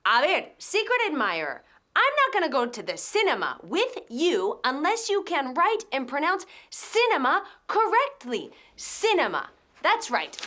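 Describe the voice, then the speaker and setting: A woman's voice: high voice, pushed and bright, full character voice. An actress playing a bossy woman in a TV comedy sketch, teasing and haughty as she mocks a secret admirer.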